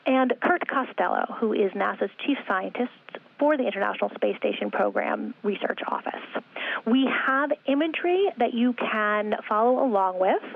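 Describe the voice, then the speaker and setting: A woman moderating a press teleconference, reading introductions and spelling out a web address slowly and carefully. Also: mid-range voice, lively intonation, gravelly. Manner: measured, spells things out slowly. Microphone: telephone. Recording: tinny phone line.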